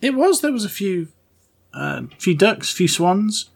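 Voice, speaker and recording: A man's voice: sits high, very animated, measured pace, creaky, husky. A man in his forties chatting casually as a co-host, self-deprecating and laughing at his own jokes. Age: 40s. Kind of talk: casual chat.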